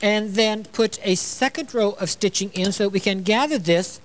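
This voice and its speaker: A man's voice: sits high, moderate pace, a little hiss or hum, poor audio. Chatty older man teaching sewing. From Illinois, USA. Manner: chatty, playful asides, frequent "you know". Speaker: sewing show host. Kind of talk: sewing demonstration. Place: TV studio.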